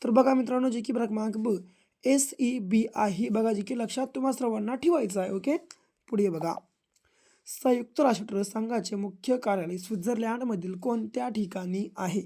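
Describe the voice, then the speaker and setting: A woman's voice: a little high, moderate pace, warm tone. A woman going through exam questions one by one, drilling the answers and urging listeners to memorize them. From Maharashtra, India. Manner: repetitive, drilling phrases, urges memorizing. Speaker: exam prep teacher.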